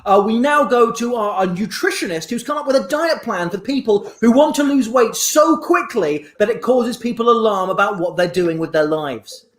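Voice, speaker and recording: A man as a high-pitched shopping channel presenter. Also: lively intonation, normal speed, hardly any pauses. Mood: cheery, mocking. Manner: slick, emphatic salesman patter. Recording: roomy livestream audio.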